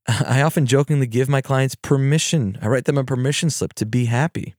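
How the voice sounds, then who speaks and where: A man, a therapist and podcast host, giving a gentle, reflective mindfulness talk and telling stories. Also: medium pitch, moderate pace, no echo, clean studio sound.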